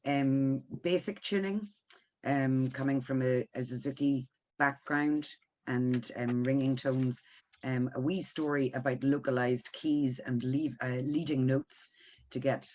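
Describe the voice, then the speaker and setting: A middle-aged woman, a music tutor talking casually on a video call with lively joking asides. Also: very deep voice, unhurried. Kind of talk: casual online webinar talk. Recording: dull lo-fi audio.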